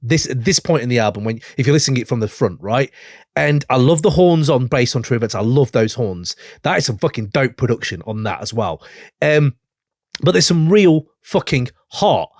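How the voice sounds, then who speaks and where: A man's voice: moderate pace, dry recording, clean studio sound. A man co-hosting a music podcast, talking casually and swearing often. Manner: animated, swearing, mimics lines with big pitch jumps. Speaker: podcast co-host. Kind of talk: casual chat.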